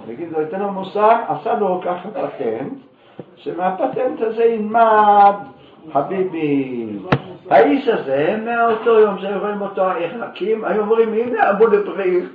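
A man telling a lively religious story as a sermon, acting out the people in it. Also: high voice, a little hiss or hum. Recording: echoey, distant, phone-like sound.

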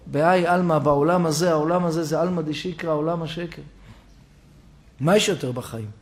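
Animated high-voiced male preacher. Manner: animated storyteller acting out characters, rising to shouts. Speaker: rabbi giving a Torah lesson. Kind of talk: storytelling sermon.

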